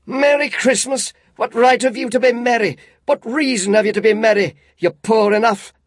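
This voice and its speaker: A man's voice: very high-pitched, normal speed, dry recording, studio quality, voice pushed up. A man reading a storybook, voicing a bitter, miserly old man who snaps indignantly. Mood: scornful. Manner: snapping, indignant, loud outbursts. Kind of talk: audiobook reading.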